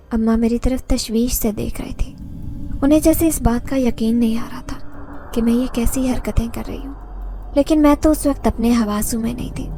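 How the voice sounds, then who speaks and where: A woman's voice: fairly high pitch, mellow. Woman horror storyteller, earnest, over faint background music. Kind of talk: first-person horror story narration.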